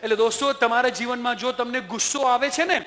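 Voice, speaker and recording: A man's voice: very high-pitched, quick pace, bright, forceful tone. A man who is a motivational trainer, giving a speech to students and asking the audience again and again whether they agree. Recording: reverberant hall.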